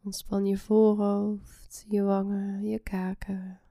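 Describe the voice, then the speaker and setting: A woman guiding a relaxation meditation in a soft, soothing, breathy half-whisper. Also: medium pitch, monotone, slow pace, no echo, clean studio sound. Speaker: guided meditation host.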